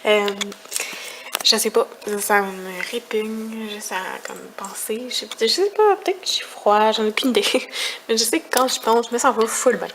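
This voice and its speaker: A woman's voice: on the high side, normal speed, a bit bright, a little hiss or hum. Chatty young Quebec woman vlogging. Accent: Quebec French. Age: young adult. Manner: chatty, rambling, disgusted complaints. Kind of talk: casual vlog chat.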